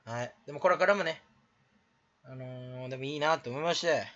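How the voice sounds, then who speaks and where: A man's voice: medium pitch, fairly quick, a bit bright, muffled recording. A teenage man talking to camera in a rambling, self-mocking comedy vlog, joking and scolding himself, recorded on a camera mic in a small room. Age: teens. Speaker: small YouTuber.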